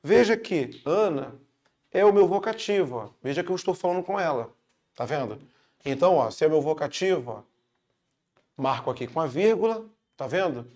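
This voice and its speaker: A man's voice: a little high, expressive, normal speed, a little mellow. A man with a Brazilian Portuguese accent teaching a casual online grammar lesson, chatty and upbeat, checking in with his students after every point.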